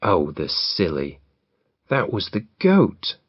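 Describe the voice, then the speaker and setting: A scornful robber chief who brushes off his man's fears, as a man reading aloud puts him on. He speaks slowly in a dry, close voice. The recording is dull and lo-fi. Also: low-pitched, huge pitch swings, no echo, pitched below the performer's own voice, full character voice. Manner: dismissive, correcting.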